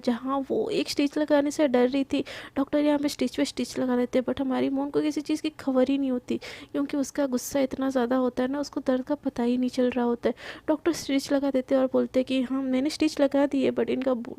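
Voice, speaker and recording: High gravelly chatty woman storyteller. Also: warm tone, no echo. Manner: chatty, emphatic, filler-heavy. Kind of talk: casual spoken story narration.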